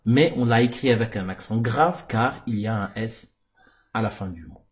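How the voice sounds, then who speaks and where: A male teacher giving a recorded grammar lesson, speaking deliberately and repeating key words for the viewer. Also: on the low side.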